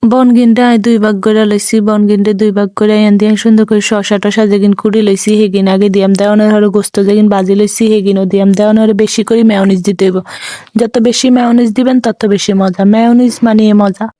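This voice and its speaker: A woman's voice: mid-range voice, level tone, fast, dark tone, dry recording, studio quality. A woman with a Chandpur Bengali accent narrating her home cooking video in a chatty, rambling, self-deprecating way. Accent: Chandpur Bengali dialect. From Bangladesh. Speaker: cooking vlogger. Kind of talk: casual voice-over narration.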